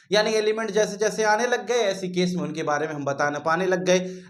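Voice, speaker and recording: A man teaching a chemistry lesson, who calls his students "beta", asks questions and answers them himself, and repeats his key points. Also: high-pitched. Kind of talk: classroom lecture.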